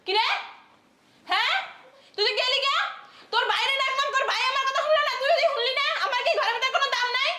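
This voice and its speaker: A shrill, relentless old village mother-in-law, as a woman puts her on in a comedy skit. She scolds in rapid-fire rhetorical questions, her voice very high, fast and sharp. Each jab ends with a nagging "haan?". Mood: scolding. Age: older.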